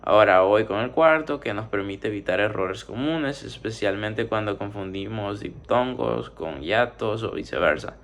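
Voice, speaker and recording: A man's voice: on the low side, a little hiss or hum. A man teaching a spoken grammar lesson, methodically working through numbered exercises and drawing out syllables as he splits words. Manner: steady explaining, drawn-out syllables.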